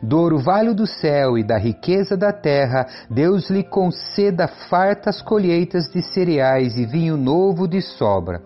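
A man reading the lines of an aged blind father giving a solemn, measured blessing, in a lively, fairly high voice over faint music. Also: muffled recording.

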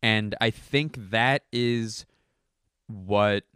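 Very slow and rambling, a low-voiced stand-up comedian gives casual commentary to camera at home, clearing his hoarse throat again and again. The sound is close and dry with no room sound, and his smooth tone is fairly bright. He keeps correcting himself and cursing casually.

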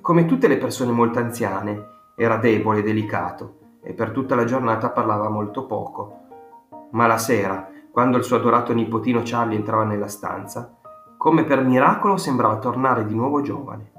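A man narrating an audiobook in a measured, animated storytelling manner, in a roomy recording with faint guitar music. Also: medium pitch.

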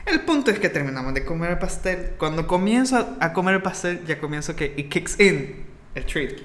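A young man in casual chat, telling a story in a lively, slangy way and acting out quotes. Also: on the high side, moderate pace. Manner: animated, slangy, acts out quotes with laughter. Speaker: co-host. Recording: echoey room with faint ambience.

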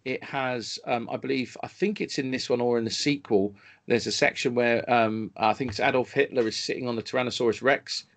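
A man's voice: mid-range voice, fairly quick. A man co-hosting a film podcast, talking casually and enthusiastically, often restarting his sentences. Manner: enthusiastic, stumbling over restarts. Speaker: podcast co-host reviewing films. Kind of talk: casual chat.

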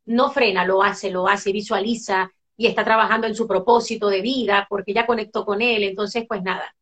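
A middle-aged woman from Venezuela with a Venezuelan accent, telling family stories as a guest in a casual interview, lively and full of fillers and restarts. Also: medium pitch, normal speed. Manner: animated storyteller, many fillers and restarts.

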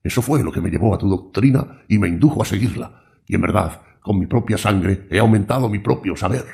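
A man reading a philosophical audiobook in a measured, grave manner. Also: lowish voice, gravelly, darkish tone. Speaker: audiobook narrator.

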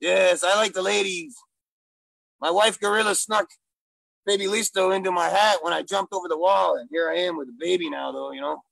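A man voicing a gruff, silly male gorilla who wants to be a stand-up comic, talking in broken English with loud bursts. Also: high-pitched, fairly even intonation, brisk, no room sound, full character voice, low-quality recording. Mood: boastful. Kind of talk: improvised comedy character interview.

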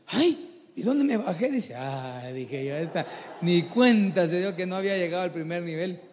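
Man, preacher, high lively voice, gravelly edge, long church reverb. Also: slight background noise. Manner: animated, folksy, mimics people he talks about. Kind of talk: sermon.

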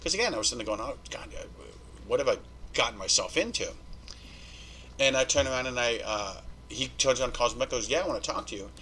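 A man tells a story as a podcast guest. His voice is bright and forward, and his pitch sits in the middle range. He talks casually, swears freely and acts out the people he quotes. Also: fast talker, a little hiss or hum, rough recording. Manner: animated, profane, acts out quoted dialogue.

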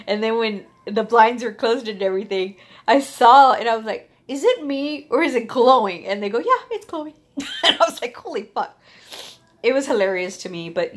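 A young adult woman candidly telling her own story, swearing freely, laughing at it, and acting out quoted lines with big jumps in pitch. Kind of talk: personal storytelling monologue.

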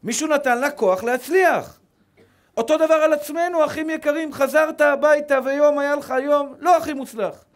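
A middle-aged man, a rabbi, preaching a religious lesson with emphatic repetition. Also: extremely high pitch. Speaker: rabbi giving a Torah lesson. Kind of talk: religious sermon.

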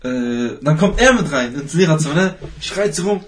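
A man's voice: a little high, expressive, normal speed. A young man, a podcast guest, telling a story in rambling casual chat full of fillers and laughs.

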